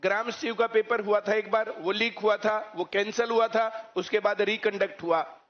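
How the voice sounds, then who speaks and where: A man's voice: high-pitched, steady tone, normal speed. A man, a coaching teacher who lectures students on current issues and keeps asking rhetorical questions. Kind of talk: speech to students. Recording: muffled lo-fi recording.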